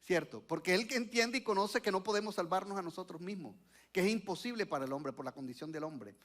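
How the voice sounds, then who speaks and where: High-pitched guy preaching a sermon, keeps quizzing the congregation. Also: expressive, fairly quick, a bit bright. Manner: asks the congregation questions and lets them answer. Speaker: pastor. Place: church before a congregation.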